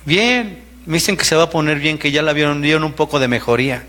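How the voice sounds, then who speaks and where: A middle-aged man giving an emotional personal testimony, repeating words and breaking into shouts. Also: fairly high pitch, fairly even intonation, very fast.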